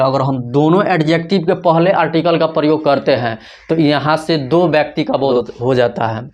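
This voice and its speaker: A man's voice: a little high, darkish tone. A man teaching an English grammar lesson in Hindi, who keeps asking questions and answering them himself. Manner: asks questions and answers them himself, repeats key points.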